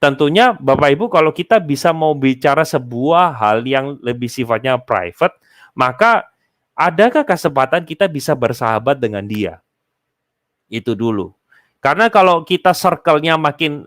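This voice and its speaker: A man's voice: mid-range voice, animated, moderate pace, a bit bright, no echo, studio quality. A man, giving casual, explanatory advice to an audience he addresses directly. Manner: explanatory, addresses listeners as Bapak Ibu. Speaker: speaker answering a host's question.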